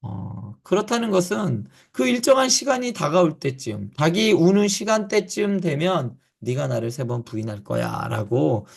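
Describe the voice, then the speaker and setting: A male pastor teaches the Bible to church leaders in a fairly high, expressive voice that is slightly rough and carries vocal fry. He often asks questions and answers them himself, pausing frequently and using filler words.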